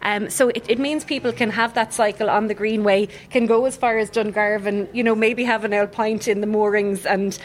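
A woman's voice: mid-range voice, fairly even intonation, fairly quick, hardly any pauses. Waterford woman chatting away keenly in an interview, faint noise behind. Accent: Waterford Irish. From Waterford, Ireland. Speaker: interview guest. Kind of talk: casual, enthusiastic chat. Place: hotel, on location. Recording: faint background ambience.

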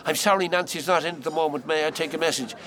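An actor playing a cocky, wisecracking male pub piano player, telling his story with lively mimicry. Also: fairly high pitch, fast, lightly acted.

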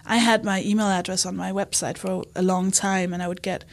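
A woman's voice: medium pitch, fairly quick, creaky. A woman comedian and author talking openly as an interview guest, often acting out quoted remarks in her own voice. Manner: candid, animated, quotes herself and others. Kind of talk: conversational interview.

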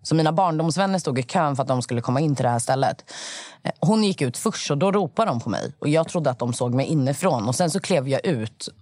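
A woman from co-hosting a casual podcast chat, her voice sitting low for a woman. She tells stories with animation and slips into the voices of the people she quotes. The recording is dry and close. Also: animated, darkish tone, no echo. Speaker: podcast co-host.

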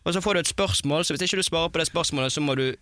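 A man's voice: a little high, sharp tone, no echo. A young man hosting a podcast, joking and laughing at himself. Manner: playful, laughing, self-mocking. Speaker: podcast host. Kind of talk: casual podcast chat.

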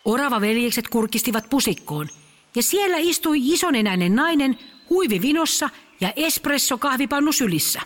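A woman narrating a children's audio story in a lively storytelling way. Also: high voice, long reverb tail.

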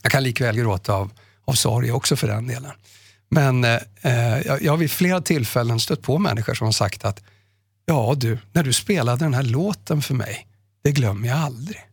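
Emotional gravelly-voiced male radio host. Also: mid-range voice, dry recording, clean studio sound. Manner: emotional, acts out quoted callers in his retelling. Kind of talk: conversational storytelling.

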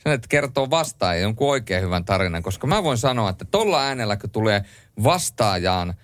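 A man's voice: on the low side, big pitch swings, no echo. Playful male late-night radio host. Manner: playful, quizzes listeners, laughs easily. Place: radio studio. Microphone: studio microphone.

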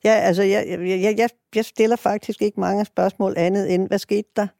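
A woman's voice: medium pitch, steady tone, creaky, dark tone, no room sound, studio quality. A middle-aged woman prosecutor talking earnestly and reflectively in a documentary interview, often restarting her sentences.

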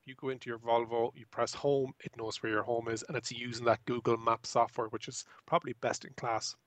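A man's voice: medium pitch, flat delivery, fairly quick, a bit bright, no echo. A man talking conversationally as a guest electric car reviewer, explaining tech with enthusiasm and voicing little examples.

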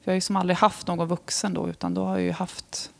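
Chatty woman with a gravelly low voice. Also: level tone, darkish tone. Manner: chatty, frank, lots of filler phrases. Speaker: interviewee, police officer. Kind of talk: casual conversational interview.

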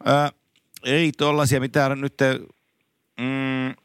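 A man hosting a casual podcast, telling anecdotes in a lively way and laughing easily. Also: medium pitch, clean tone, no echo, clean studio sound. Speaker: podcast host. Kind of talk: casual chat.

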